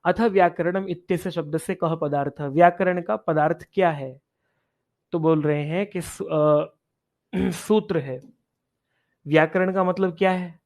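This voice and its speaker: A man's voice: a little high, steady tone, a little slow, a little mellow. A man teaching Sanskrit in an online exam-prep class. He reads Sanskrit lines and explains each one in Hindi, stopping to ask his students questions.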